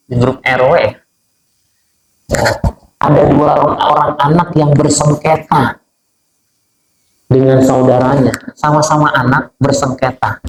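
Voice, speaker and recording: A middle-aged man giving a casual conversational sermon, mixing relaxed chatty asides with chanted Arabic verses. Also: fairly high pitch. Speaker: preacher. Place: neighborhood prayer room. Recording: echoey prayer room with faint ambient noise.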